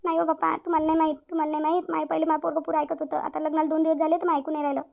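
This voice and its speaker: A woman's voice: high-pitched, flat delivery, very fast, gravelly, dull audio. A woman voicing a touchy, aggrieved middle-aged village mother in a cartoon, with a plaintive manner. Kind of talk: cartoon voice acting.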